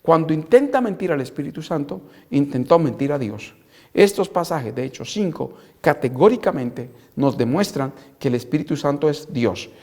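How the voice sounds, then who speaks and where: A man with a slightly high voice teaches a recorded Bible lesson. He reads scripture aloud in a measured way and slows down deliberately to spell out key words. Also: animated, darkish tone. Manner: deliberate, spells out terms slowly. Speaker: Bible instructor. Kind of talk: recorded apologetics lecture.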